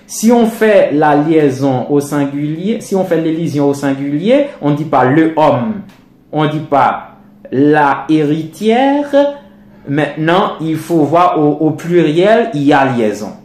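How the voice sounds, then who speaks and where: Man, teacher, slow deliberate lecture, slightly high voice, echoey room. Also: animated, darkish tone. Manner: slow, deliberate, repeats examples for emphasis. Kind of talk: lecture on French pronunciation.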